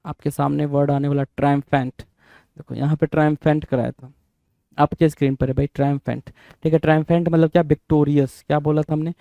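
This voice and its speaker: In an exam-prep vocabulary lesson, a man often spells words out letter by letter, repeats them, and frequently checks in with his listeners. His voice is a little high, level, brisk and warm with vocal fry, on a lo-fi recording without room sound.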